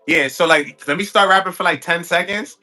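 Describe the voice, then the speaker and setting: A man's voice: high voice, pushed and bright, faint music behind. A man hosting a casual live chat, freestyle rapping off words his guest calls out. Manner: fast freestyle rapping over a beat. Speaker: host. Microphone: phone.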